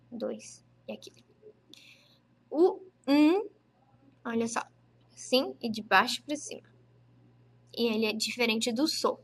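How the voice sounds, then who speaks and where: A woman gives a relaxed online language lesson. Her voice sits a little high, and she takes her time, repeating each word slowly and patiently for her learners. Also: slightly rough. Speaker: Japanese teacher.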